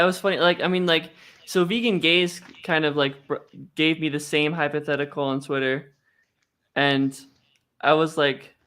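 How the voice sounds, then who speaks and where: A man's voice: fairly high pitch, a bit bright. A man in a casual debate chat, hesitant, stammering and repeating words as he works through his point.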